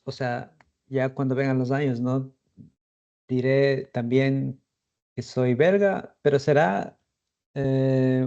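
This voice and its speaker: A man's voice: medium pitch, warm tone. A man from Ecuador with an Ecuadorian accent, chatting casually on a podcast in a reflective, hesitant way. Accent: Ecuadorian Spanish. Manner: reflective, hesitant, thinking aloud. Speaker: podcast co-host. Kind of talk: casual conversation. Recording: slightly dull lo-fi audio.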